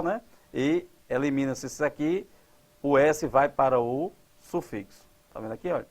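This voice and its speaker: A man teaching grammar at a board, quizzing his class and drawing out example words slowly. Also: fairly high pitch. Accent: Brazilian Portuguese. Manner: didactic, asks the class questions and answers them.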